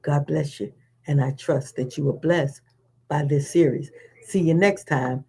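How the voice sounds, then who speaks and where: A woman's voice: deep voice, unhurried, mellow, slightly rough. A woman preaching a sermon to women, with an emphatic, repetitive preaching cadence.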